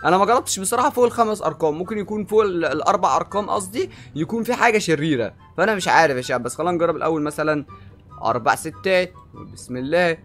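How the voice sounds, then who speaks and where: A young man with an Egyptian Arabic accent doing excitable gameplay commentary, often shouting and drawling in amazement. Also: a little high, very fast, soft background music. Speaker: gaming YouTuber.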